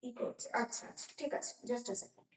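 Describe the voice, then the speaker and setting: A woman's voice: a little fast, far from the mic. A woman teaching an online class, explaining step by step and putting questions to her students, her voice carrying a heavy echo over the call. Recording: echoey online class audio.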